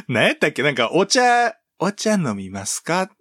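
Lively Kansai man co-hosting a radio show. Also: a little high, measured pace, dry recording, studio quality. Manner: lively, laughing, playful teasing. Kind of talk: casual comedic radio chat.

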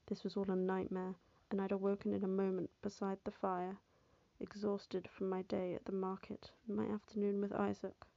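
A woman reads an audiobook in the first person at normal speed, keeping her delivery steady and even. Her voice is deeply gravelly and dark, with little rise and fall. The recording is dull, lo-fi and dry, with no room sound.

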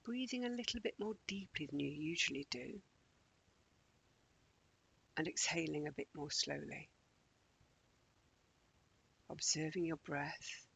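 A man leading a guided morning meditation in a slow, gentle, calming way, often dropping close to a whisper. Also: fairly high pitch, creaky, breathy edge.

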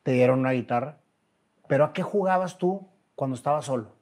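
A man's voice: mid-range voice, a little fast, a little mellow. A man interviewing a guest in a casual chat, asking curious, short follow-up questions.

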